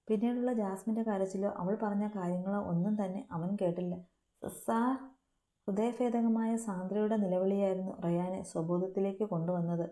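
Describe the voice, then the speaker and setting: A woman's voice: lowish voice, mellow. A woman narrating a romance story with a dramatic, emotive reading. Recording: roomy echo.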